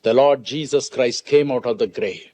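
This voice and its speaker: Slow-preaching man with an Indian English accent. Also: mid-range voice, a little mellow. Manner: preaches in short lines, pausing after each for the interpreter. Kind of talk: sermon with live interpretation.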